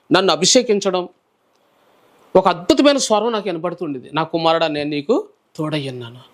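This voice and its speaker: High-voiced soft-spoken preacher man. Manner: soft-spoken, calm storytelling. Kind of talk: personal testimony in an interview.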